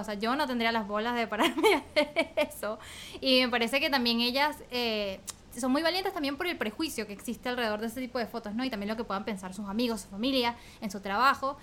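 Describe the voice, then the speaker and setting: A woman's voice: a little high, brisk, sharp tone. Friendly woman podcast host. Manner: friendly, laughs often. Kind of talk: casual interview chat.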